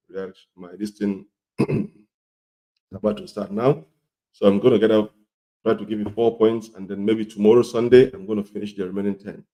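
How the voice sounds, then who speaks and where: Low, gravelly-voiced man with a cold. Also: mellow. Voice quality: coarse, gravelly voice. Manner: repetitive, emphatic. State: congested and hoarse with a cold. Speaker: health video presenter. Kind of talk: instructional talk to viewers.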